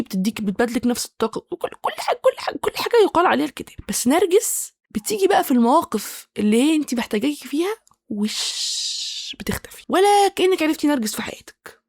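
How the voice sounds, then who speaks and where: A woman with an Egyptian accent hosting a podcast, talking in an animated, self-mocking comedic monologue. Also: on the high side, no room sound, clean studio sound. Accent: Egyptian Arabic. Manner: animated, self-mocking, acts out quoted people. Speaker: podcast host.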